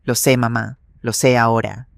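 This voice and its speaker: A man voicing a humbled young adult son in a story, speaking earnestly and softly, in a dry close sound. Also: medium pitch, level tone, normal speed, gravelly, dry recording, lightly acted. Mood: remorseful.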